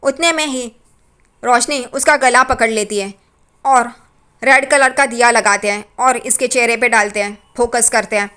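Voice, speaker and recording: A woman's voice: on the high side, steady tone, normal speed, bright, forceful tone, clear, resonant tone. A woman casually retelling a TV serial episode, with plain, repetitive storytelling. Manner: plain storytelling, repeats phrases like "yahan pe". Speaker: TV serial recap narrator.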